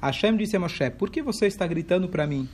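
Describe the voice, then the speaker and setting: A man teaching a lively text study class, acting out dialogue and mixing in Hebrew phrases. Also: sits high, quick pace. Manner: expressive, acts out dialogue, mixes in Hebrew phrases. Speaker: Torah teacher.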